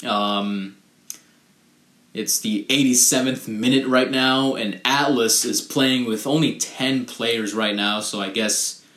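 Young male podcast host, unhurried and rambly, full of fillers, recorded in a reverberant room. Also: mid-range voice, fairly even intonation, a bit bright. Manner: rambling, many fillers and restarts. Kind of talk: casual solo podcast monologue. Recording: echoey room.

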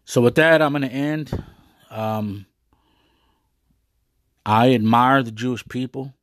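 A man's voice: mid-range voice, takes it slowly, a bit bright, no room sound, studio quality. A man giving a rambling, earnest monologue to his viewers, full of hesitations and fillers. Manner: earnest, proud.

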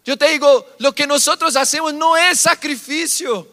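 A man preaching a sermon as pastor, swinging from shouts down to near-whispers. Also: very high-pitched, moderate pace. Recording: long hall reverb.

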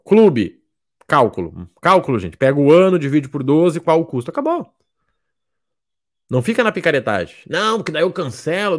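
Blunt, lively man mentoring. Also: mid-range voice. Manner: blunt, jokey, acts out students' lines. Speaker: miles program mentor. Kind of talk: casual motivational talk.

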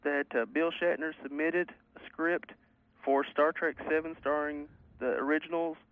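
A man's voice: on the high side, steady tone, moderate pace, dry recording. A man from Kentucky calling in to a radio show, chatting casually in a folksy, polite, joking way. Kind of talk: casual phone-in chat. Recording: dull lo-fi phone call on radio.

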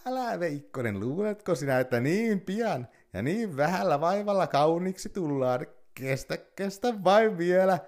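A man's voice: high voice, lively intonation, few pauses, darkish tone, voice pushed up. A sly storybook fox with a lifted, sing-song voice that swings up and down as it coaxes and teases. A man puts it on. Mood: coaxing. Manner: coaxing, mocking.

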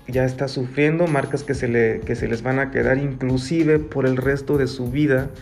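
A man, explaining earnestly to parents as a guest expert, pausing and restarting often. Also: mid-range voice, gravelly, darkish tone. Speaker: guest expert on child bullying. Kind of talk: radio-style talk, advising parents.

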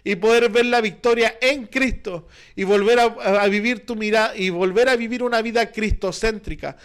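Chilean male pastor, very high voice, earnest sermon delivery, keeps asking the congregation questions. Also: fairly bright tone, clear, resonant tone. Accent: Chilean Spanish. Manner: earnest, repetitive preaching with rhetorical questions.

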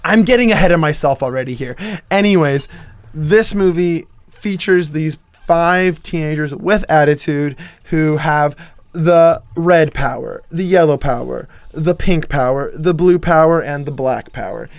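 A young man co-hosts a casual movie podcast, talking loosely with lots of swearing, jokes and laughter, always quick to crack a joke. His voice is fairly high, and there's no room sound.

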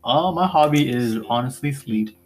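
A man's voice: medium pitch, expressive, normal speed. A man in his twenties, co-hosting a casual podcast, laid-back and joking. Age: 20s. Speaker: podcast co-host. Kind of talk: casual chat.

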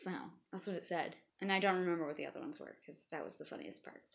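A woman's voice: fairly low pitch, quick pace, vocal fry. A woman in her thirties from Iowa, a guest in a casual interview, chatty and playful, laughing often.

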